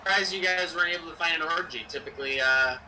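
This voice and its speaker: Sharp, bright young man calling plays. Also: a little high, racing, recorded from a distance, slight background noise, rough recording. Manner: chatty, jokey, drops game calls between stories. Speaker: co-host of a game-sim stream. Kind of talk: casual chat and play-by-play over a simulated football game.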